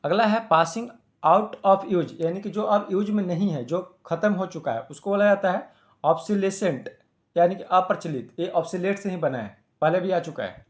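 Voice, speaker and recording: High-voiced male tutor. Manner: reads English definitions slowly, then explains casually with examples. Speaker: exam coaching teacher. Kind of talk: vocabulary lesson, explaining word by word.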